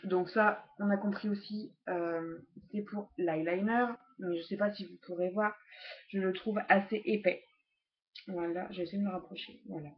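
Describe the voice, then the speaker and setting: A woman's voice: mid-range voice, muffled recording. A woman casually reviewing makeup brushes, hesitant and chatty with many fillers, recorded at home on a laptop webcam. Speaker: beauty vlogger.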